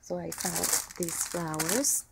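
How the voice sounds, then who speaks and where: This crafting vlogger speaks in a low, gentle, unhurried way about her haul, with lots of ums, small laughs, and obvious affection for her finds. A downward-facing camera records her hands at an indoor table. Heavy background noise fills the clip, and plastic wrapping rustles and crinkles distinctly behind her.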